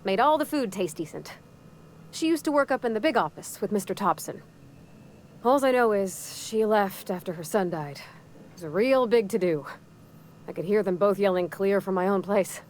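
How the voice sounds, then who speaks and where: A woman with a medium-pitched, slightly mellow voice near her everyday sound plays an earnest, shy young mechanic in a frontier colony video game. She speaks animatedly at normal speed, in a hesitant, folksy, polite way, with a thoughtful, earnest mood. There is slight background noise.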